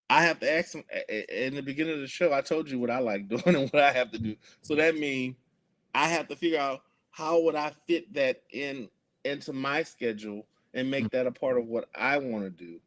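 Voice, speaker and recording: Speaking earnestly as an interview guest, this activist has a medium pitch and a fairly bright tone. He often restarts and leans on many fillers in this conversational interview.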